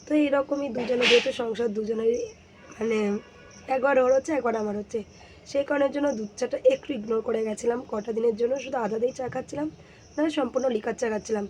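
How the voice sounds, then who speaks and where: A young woman, hoarse from a sore throat, chatting to viewers in a casual home vlog. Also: fairly high pitch, fairly even intonation, fast, slight background noise. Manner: chatty, addresses viewers warmly as friends. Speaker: vlogger. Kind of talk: casual daily-life vlog narration. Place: home kitchen and courtyard.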